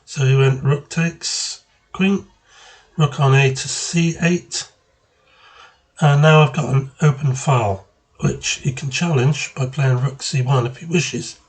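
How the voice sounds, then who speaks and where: A man giving casual move-by-move commentary on his own chess game, thinking aloud and pausing mid-phrase. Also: mid-range voice, fairly even intonation, poor audio.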